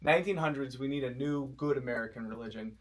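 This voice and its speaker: A man's voice: medium pitch, fast. A man in his twenties from Florida, a comedian guest in casual chat who asks curious, analytical questions and rambles with many fillers. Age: 20s.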